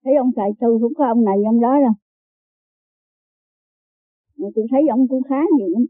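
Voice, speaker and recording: A woman's voice: fairly high pitch, a little fast, no echo. An older woman calling a radio program, rambling earnestly about her faults and her family. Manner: rambling, earnest confessional talk. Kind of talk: call-in radio talk. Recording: tinny phone line on radio.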